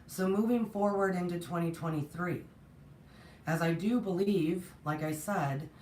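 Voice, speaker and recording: Unhurried and on the low side, a woman hosts her spiritual platform's livestream with a strained, partly lost voice, warmly greeting viewers amid rambling thoughts and many restarts. Slight background noise joins the echoey room, and the distant, makeshift mic makes her sound far off.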